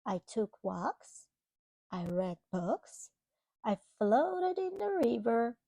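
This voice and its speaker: A woman reading a children's picture book aloud, expressively, pausing to explain things to young listeners. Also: fairly high pitch, big pitch swings, vocal fry, warm tone, dry recording. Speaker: children's storybook reader. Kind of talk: read-aloud storytelling to young children with simple asides.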